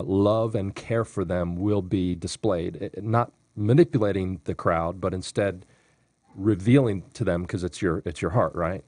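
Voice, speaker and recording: Man, interview host, low voice, dry close sound, rambling questions. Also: a little mellow, no room sound. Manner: rambling, searching for words. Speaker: webinar host.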